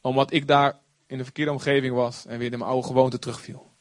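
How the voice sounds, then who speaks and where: A man preaching a sermon, animated, acting out quotes with sudden loud outbursts. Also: medium pitch, quick pace, no room sound. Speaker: pastor.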